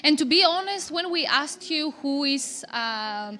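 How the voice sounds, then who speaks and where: A woman's voice: sits high, animated, unhurried, bright, forceful tone. A woman moderating a conference workshop on stage, friendly and upbeat, with a few fillers and restarts.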